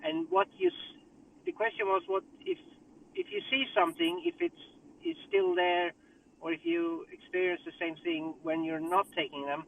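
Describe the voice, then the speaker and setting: Male caller on a car speakerphone while driving, high-voiced, thinking aloud in halting bursts. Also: a little hiss or hum. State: distracted by driving. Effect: car speakerphone call while driving. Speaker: caller in a group discussion. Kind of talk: casual group call chat. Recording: tinny distant phone line from a car.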